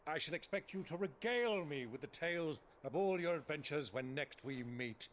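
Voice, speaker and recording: An actor playing a genial, flamboyant older uncle in a video game, speaking with florid, grand courtesy. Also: male voice, on the high side, expressive, normal speed, a bit bright, a little hiss or hum. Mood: fond farewell. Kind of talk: video game cutscene acting. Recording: game music behind the voice.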